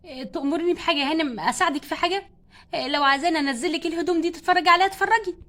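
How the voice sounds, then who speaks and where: A pushy, polite saleswoman doll in a doll play story, praising her prices and offers, as a woman puts her on. She talks in quick, high Egyptian Arabic. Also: a bit bright. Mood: salesy.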